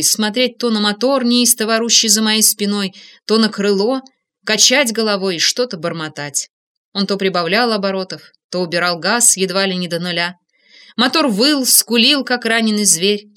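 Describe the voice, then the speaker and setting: A woman reading an adventure audiobook aloud in the first person, with steady and expressive delivery. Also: medium pitch. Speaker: audiobook narrator. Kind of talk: scripted first-person narration.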